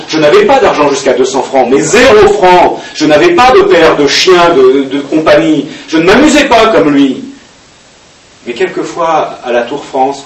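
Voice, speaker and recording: Man reading a diary aloud, echoey and distant. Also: a little high. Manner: halting, expressive reading with fillers. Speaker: reader. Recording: echoey room, distant mic, faint hiss.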